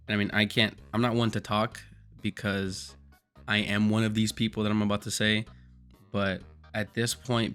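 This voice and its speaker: Rambling through his gaming commentary with plenty of jokes and swearing, this streamer has a voice gone hoarse from screaming, lowish in pitch and a little bright.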